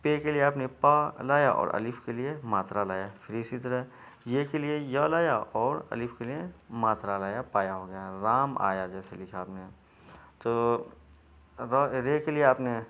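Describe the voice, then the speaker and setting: A man's voice: mid-range voice, a bit bright, dull audio. A man, teaching a reading lesson step by step in a patient, repetitive way. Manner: patient, repetitive, frequent restarts.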